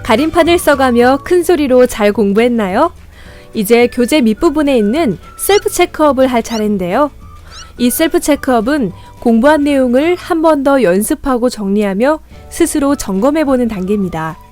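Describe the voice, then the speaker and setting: Brief: upbeat, slightly high-voiced woman narrator for a student tutorial, faint music underneath. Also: lively intonation, normal speed, darkish tone. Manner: friendly, encouraging, addresses viewers as students. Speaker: lesson guide. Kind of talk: scripted instructional narration.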